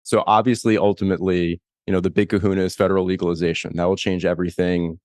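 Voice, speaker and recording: A man's voice: sits low, little pitch movement, fast, a little mellow, no room sound, clean studio sound. A man interviewing a guest, asking long, rambling questions full of "you know" and "right?". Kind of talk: conversational interview.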